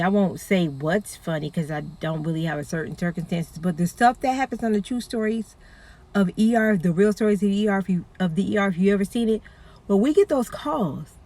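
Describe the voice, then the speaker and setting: A woman's voice: mid-range voice, darkish tone. Lady, 911 dispatcher, casual chat, pleads and repeats herself to get the point across. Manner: chatty, earnest, warns listeners with pleading repetition. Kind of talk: casual talk to camera.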